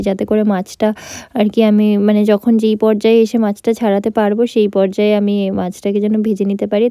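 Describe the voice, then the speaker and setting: A woman's voice: mid-range voice, warm tone, no echo. A young woman chatting casually through a home cooking vlog, explaining each step as she goes. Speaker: vlogger.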